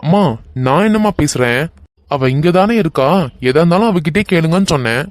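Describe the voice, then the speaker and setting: A woman voicing defensive young men in an animated cartoon, with a Kanyakumari Tamil accent and a low, evasive way of talking. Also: a little fast, dry recording, studio quality. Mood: sulky.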